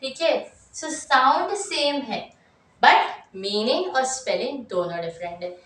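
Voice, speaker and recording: Lively woman teaching English grammar. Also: high voice, slow pace. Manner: lively, chatty, full of asides and repeated checks. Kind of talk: exam-focused grammar lesson. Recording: roomy, mic set at a distance.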